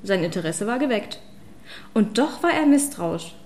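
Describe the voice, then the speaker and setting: A woman reading a fantasy audiobook as narrator, in even, measured storytelling. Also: mid-range voice. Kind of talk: scripted narration.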